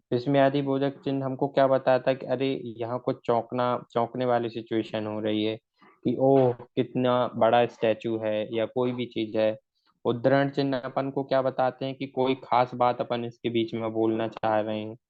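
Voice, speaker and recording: A man's voice: mid-range voice, highs cut off. A male shorthand teacher in a recorded lesson. He explains step by step, asks his own questions and answers them, and mixes English words into his speech.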